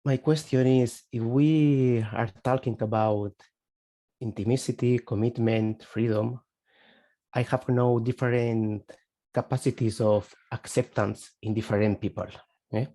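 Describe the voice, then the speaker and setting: On a webinar video call, a participant from Spain, a native Spanish speaker with an accent, hesitantly asks a question while hunting for words. He has a warm, steady, mid-range voice and speaks a little slowly.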